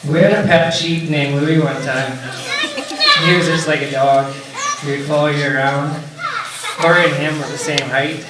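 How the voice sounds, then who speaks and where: A man's voice: a little high, fairly even intonation, normal speed, long pauses. Young man's wedding toast, distant and echoey. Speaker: best man, groom's older brother. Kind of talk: wedding toast with light anecdotes. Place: large echoey indoor reception room, mic far away. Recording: very echoey, distant, noisy event hall.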